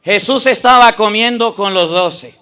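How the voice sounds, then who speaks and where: A man's voice: sits high, measured pace, bright, forceful tone, smooth. A priest in a debate, arguing emphatically with his opponents and repeating scripture phrases for stress. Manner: emphatic, addresses opponents directly. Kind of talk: preaching debate argument.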